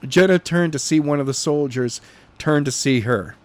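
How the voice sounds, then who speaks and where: A man with a slightly high voice narrates a novel chapter in an animated, amateur audiobook style. The reading is halting and homemade, with stumbles and self-corrections, and there's no echo.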